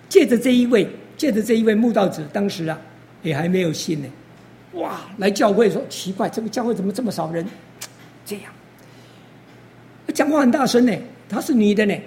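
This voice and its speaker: An older preacher tells stories from the pulpit in a mellow, dark-toned voice. The talk is full of interjections and acted-out quotes, in the style of a testimony sermon. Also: mid-range voice.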